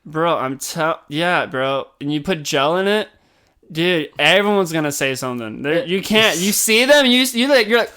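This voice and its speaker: A man's voice: fairly high pitch, animated, normal speed, sharp tone, smooth. A young man co-hosting a podcast as the film expert, chatting casually, swearing freely and reading trivia aloud.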